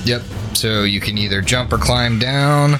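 A man's voice: medium pitch, a little slow. A man acting as game master, casually narrating and refereeing a tabletop game with music behind him.

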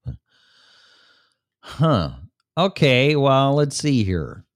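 Hosting a laid-back livestream show, this Chicago man chats with viewers in a rambling, blunt way full of swearing. His mid-range voice swings widely in pitch and draws out words, captured cleanly in a studio with no room sound.

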